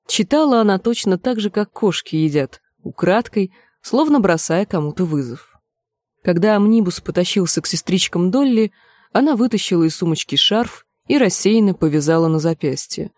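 A woman narrating an audiobook in an even storytelling manner. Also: lowish voice, dry recording. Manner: even storytelling, acts out the dialogue. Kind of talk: scripted narration.

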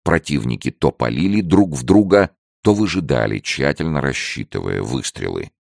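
A man reading an adventure novel aloud as narrator, with steady, lively storytelling. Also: rumbling low, normal speed, vocal fry, no room sound, clean studio sound.

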